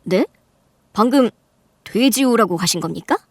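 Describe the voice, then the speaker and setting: An actor playing a calm, formal young doctor about to marry, polite but quietly offended. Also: male voice, sits high, measured pace, no echo, clean studio sound, full character voice. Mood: composed. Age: young adult. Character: polite composed young male doctor, groom-to-be.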